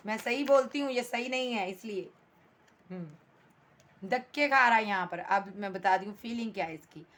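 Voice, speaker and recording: A woman's voice: medium pitch, moderate pace, fairly bright tone. A woman giving a tarot reading to her viewers, blunt and emphatic, scolding the absent partner and calling the listener "bhai" and "darling". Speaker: tarot reader.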